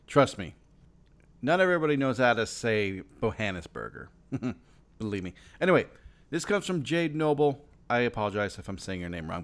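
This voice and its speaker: A man's voice: mid-range voice, fairly bright tone. A man co-hosting a casual podcast and reading out listener stories in an easygoing way. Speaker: podcast co-host.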